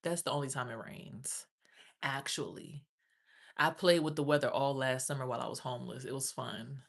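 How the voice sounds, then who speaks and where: On a casual livestream, a young woman rambles about spirituality, cursing freely as she goes. Her raspy voice rumbles low, holding a steady tone at a normal speed.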